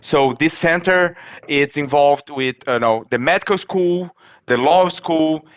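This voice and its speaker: A Brazilian professor in his thirties, a native Portuguese speaker with a Brazilian accent, answers interview questions as a guest in halting speech full of fillers and restarts. His voice is fairly high, clear and resonant, though the recording's highs are cut off.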